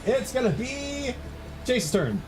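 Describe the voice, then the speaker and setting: A man's voice: extremely high pitch, very animated, slow pace. A man acting as dungeon master of a tabletop game, talking casually, laughing and swearing freely. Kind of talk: running a tabletop game over voice chat.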